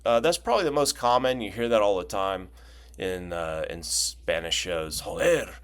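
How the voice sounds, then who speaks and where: Low-voiced man rambling through a casual lesson. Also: moderate pace, fairly bright tone, clear, resonant tone. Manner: loose and rambling, many fillers and restarts, joking asides. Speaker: language video host.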